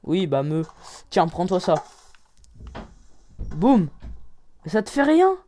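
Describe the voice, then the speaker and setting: A woman hosting a gaming channel, giving excited game commentary with loud exclamations, rating each item out of ten. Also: fairly low pitch, slow pace.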